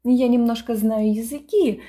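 A woman voicing a fawning, show-off male lodger who talks slowly and is pleased with himself. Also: a little high, warm tone, close to an everyday voice. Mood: smug.

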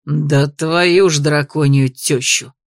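A brash, gruff young male dragon from a storybook, as a woman narrator puts him on, his voice pushed well below hers. He teases and scolds with rough, cocky swagger and turns gentle and loving, all in a dry, close recording. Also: sits low, steady tone, slow pace, no echo, pitched below the performer's own voice. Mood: angry. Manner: gruff and mocking, later soft and loving. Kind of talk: audiobook character voice.

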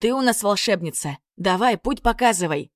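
A woman's voice: mid-range voice, animated, moderate pace, no echo, studio quality, pitched above the performer's own voice, close to an everyday voice. A woman voicing a brash young male hero who teases and boasts in an audiobook story. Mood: cocky. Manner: teasing, boastful.

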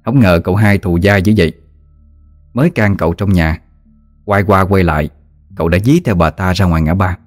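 Man, ghost story narration, very deep voice, faint background music. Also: moderate pace, long pauses, no echo. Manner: steady, vivid storytelling.

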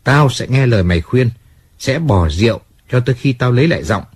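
A man's voice: medium pitch, lively intonation, fairly quick, breathy edge. A man voicing a hot-tempered, self-pitying male singer in an audiobook, swearing and then apologizing. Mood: pleading.

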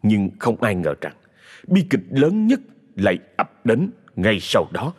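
A man narrating a ghost story in a dramatic, expressive way. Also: lowish voice, slow pace, slightly rough.

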